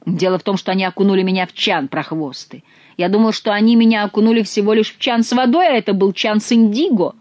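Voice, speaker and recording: A woman voicing an angry male courtier who swears and tells of his rough treatment in an audiobook. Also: medium pitch, fast, a little mellow, no echo, dull audio, voice pushed up, natural voice. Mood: furious. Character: furious male courtier dyed blue.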